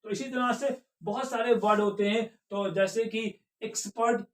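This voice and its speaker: High-voiced Indian man teaching pronunciation. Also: steady tone, reverberant. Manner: repeats each word slowly after asking the class questions. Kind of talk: classroom-style video lesson.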